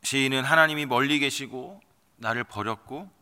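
A man's voice: mid-range voice, normal speed, sharp tone, clear, resonant tone, long reverb tail. A man preaching a sermon, passionately voicing the anguished cries of a psalm and then explaining them. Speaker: pastor.

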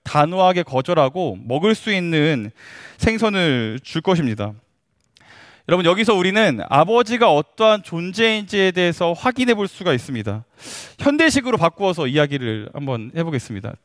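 A man's voice: a little high, big pitch swings, normal speed, no room sound, clean studio sound. A man in his thirties, a pastor, preaching a sermon, asking his listeners questions and laughing lightly now and then.

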